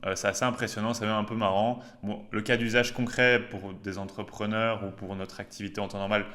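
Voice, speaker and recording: A man with a fairly low voice walks viewers through a casual tech demo. He talks loosely and slangily, with plenty of filler pauses. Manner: relaxed, chatty, slangy with frequent hesitations. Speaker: host.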